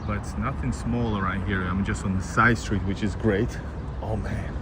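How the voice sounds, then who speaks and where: Rambling man livestreaming over loud traffic. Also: on the low side, steady tone, normal speed. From Finland. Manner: casual, rambling commentary with restarts. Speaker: vlogger. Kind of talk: live walking stream. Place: city streets outdoors. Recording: outdoor stream with loud traffic. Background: loud street traffic.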